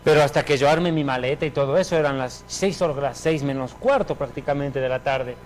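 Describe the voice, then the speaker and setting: A man giving a personal religious testimony in an emphatic, animated storytelling manner. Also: mid-range voice, fairly quick, slight background noise, low-quality recording.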